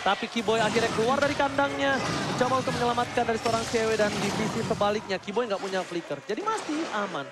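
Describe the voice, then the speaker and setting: An Indonesian man doing excited, dramatic play-by-play as an esports shoutcaster, in the emphatic manner of a fighting game announcer. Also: very high voice, fast, heavy background noise.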